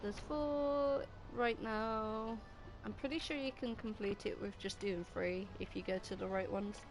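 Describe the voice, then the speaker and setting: Playful woman gamer over loud music. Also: mid-range voice, steady tone, unhurried. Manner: playful, chirpy asides and silly little sound words. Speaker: game streamer. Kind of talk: casual gameplay commentary.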